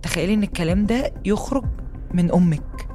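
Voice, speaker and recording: Woman acting as a young egyptian woman telling her story, egyptian accent, talks fast and earnest, podcast narration. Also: on the low side, animated, dark tone, faint music behind, natural voice. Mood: agitated. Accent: Egyptian Arabic. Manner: earnest and intimate storytelling, rising to agitation in retold fights. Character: young woman recounting a harsh mother, earnest, hurt. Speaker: voice actor reading a personal testimony. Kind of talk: scripted first-person narration for a podcast.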